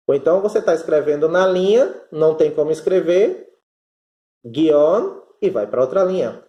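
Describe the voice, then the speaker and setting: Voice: medium pitch, a little mellow. A teacher with a Northeastern Brazilian accent, giving an online Spanish lesson and patiently drawing out each term. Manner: explains patiently, stretching out Spanish terms. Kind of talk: online class explanation. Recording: roomy echo.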